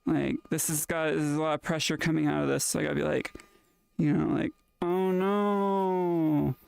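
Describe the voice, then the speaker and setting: A live streamer with a sick, rough-sounding voice, chatting casually and rambling to viewers, often trailing off into fillers. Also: mid-range voice, level tone, fast talker. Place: at home in a VR play space.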